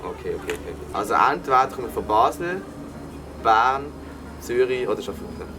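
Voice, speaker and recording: A man's voice: medium pitch, sing-song, moderate pace. A man with a Swiss German accent hosting a casual guessing game in playful, teasing banter. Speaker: YouTuber host. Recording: noisy background with vehicle sounds.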